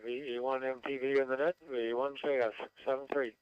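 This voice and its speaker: Flat-voiced man over a radio link. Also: mid-range voice, a little fast, smooth, no echo. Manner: brief, matter-of-fact. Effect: heard over a two-way radio link. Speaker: amateur radio operator checking in. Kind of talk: casual radio net check-in. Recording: dull lo-fi radio audio.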